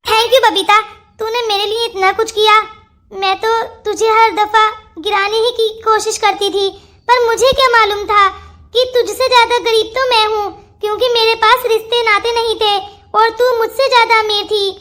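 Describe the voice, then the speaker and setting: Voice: extremely high pitch, level tone, normal speed, pushed and bright. A performer voicing a proud, demanding elder sister-in-law who wheedles for gifts. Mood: wheedling. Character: proud elder sister-in-law, gift-hungry then repentant. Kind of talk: cartoon voice acting.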